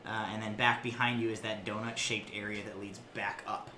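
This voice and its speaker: Halting male game master, echoey room. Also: fairly low pitch, little pitch movement, background noise. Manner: halting, searching for words. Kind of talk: narrating a tabletop game. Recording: echoey room, loud background music.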